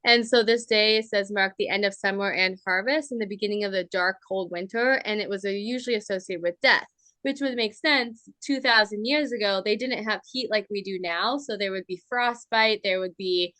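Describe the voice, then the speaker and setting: A young woman co-hosting a relaxed podcast conversation, chatty and prone to tangents. Her voice is bright and forward in the mix. The recording is dry and close, with no room echo. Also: medium pitch, moderate pace. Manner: chatty, reads from articles, trails into asides. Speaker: podcast co-host. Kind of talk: casual chat.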